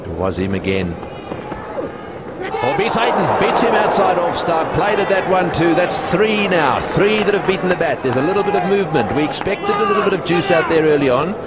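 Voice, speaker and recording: A man giving live TV cricket commentary, excitable and exclaiming at near misses. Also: sits high, a little fast. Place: commentary box at a cricket ground. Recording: broadcast with loud crowd and noise.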